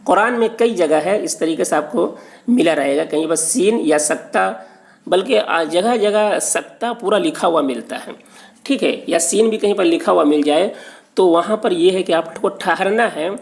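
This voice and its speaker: A man giving a religious lesson on recitation marks, explaining slowly and patiently, repeating key terms and checking in with the listener. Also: high voice, creaky. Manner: patient and repetitive, often checks with "okay". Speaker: religious teacher.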